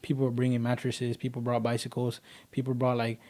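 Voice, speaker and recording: A man's voice: mid-range voice, monotone, fairly quick, darkish tone. A man in his twenties, from Kenya, telling his personal story as a podcast guest in an earnest, rambling way with lots of fillers.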